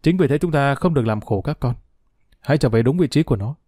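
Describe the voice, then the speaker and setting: A man voicing a gentle husband whose voice is husky with emotion, in a storybook reading. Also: medium pitch, animated, fast, no echo, clean studio sound. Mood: grave. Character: gentle, self-sacrificing husband.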